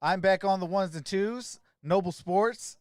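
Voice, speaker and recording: A man hosts a sports livestream, mixing casual, friendly chat with viewers and informal play-by-play. His high voice is clean and a little slow, recorded at studio quality with no room sound.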